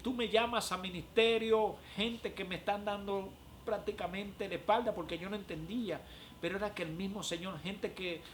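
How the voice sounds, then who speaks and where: A man, a prophet giving an emotional religious testimony, often pausing with "eh". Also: high voice, steady tone, a little hiss or hum. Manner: emotional, frequent "eh" fillers.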